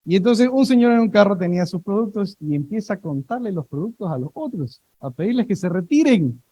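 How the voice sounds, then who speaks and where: A man preaches from the pulpit, his voice pitched fairly high. He tells everyday stories with playful energy and calls on the congregation to echo his words. The sound is close and dry. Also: brisk, breathy edge. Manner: lively storytelling, asks congregation to repeat words. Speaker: pastor. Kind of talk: sermon.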